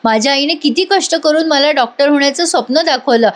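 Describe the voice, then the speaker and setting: A woman's voice: high-pitched, brisk, lightly acted. Woman voicing a hurt young woman standing her ground. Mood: pleading. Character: young woman doctor-in-training, hurt and defiant.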